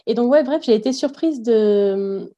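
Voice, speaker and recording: A woman's voice: a little high, a little slow, highs cut off. A woman from France, a guest in a casual interview, thinking aloud in a reflective way with frequent hesitations.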